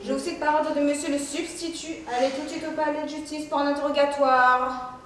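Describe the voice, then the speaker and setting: A teenage girl plays a stiff male bailiff who delivers summons in a formal, officious way and a high voice. The school stage play is heard from far off in an echoey hall. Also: level tone, fairly quick, a little hiss or hum, natural voice. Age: teens.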